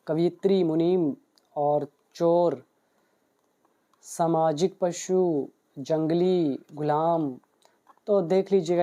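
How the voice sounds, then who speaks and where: Dark-voiced man walking through a textbook. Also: a little high. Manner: explains step by step, reads out Hindi and English examples. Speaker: English teacher. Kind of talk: book walkthrough lesson.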